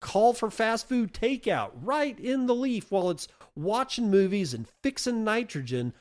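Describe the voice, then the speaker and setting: A man talks in a lively, swooping voice that sits a little high for a man. He explains in a folksy, emphatic monologue, full of rhetorical questions, and stumbles over repeated words as he thinks aloud. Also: unhurried. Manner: animated, folksy, emphatic with playful analogies. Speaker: podcast host.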